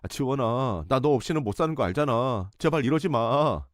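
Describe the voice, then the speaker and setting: A man's voice: medium pitch, expressive, moderate pace, dry recording, clean studio sound, natural voice. A man voicing a young boyfriend who pleads and begs. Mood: pleading. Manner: pleading, begging.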